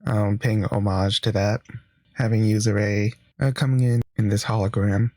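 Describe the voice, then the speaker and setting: A man's voice: on the low side, little pitch movement, moderate pace, a little mellow, dry recording. A man giving joking, casual reaction commentary as an online video host. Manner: joking, wisecracking.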